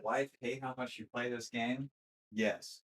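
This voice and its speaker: A man coaching a video game in casual chat, joking, swearing and mocking players, then explaining moves in quick, plain steps. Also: medium pitch, steady tone, fairly bright tone, rough recording. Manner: profane, joking, mocking impressions. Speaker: gaming coach and streamer.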